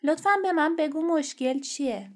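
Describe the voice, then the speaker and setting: A woman voicing a kind, patient female doctor in a children's storybook, explaining things gently and reassuringly. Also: high voice, voice pushed up, lightly acted.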